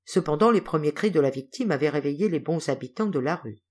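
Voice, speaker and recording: A woman reading a classic novel aloud as an audiobook narrator, with a measured, expressive delivery. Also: low-pitched. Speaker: audiobook reader.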